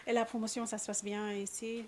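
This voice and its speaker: Halting woman interviewer. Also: fairly high pitch, level tone. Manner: halting questions with fillers. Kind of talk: interview questions.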